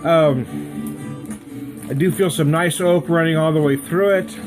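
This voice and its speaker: A man hosts a casual tasting vlog. His voice sits a little high, and he rambles in a jokey, chatty way. Music plays clearly behind him. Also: slow. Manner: jokey, rambling, chuckles at own asides. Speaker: whisky reviewer and vlog host.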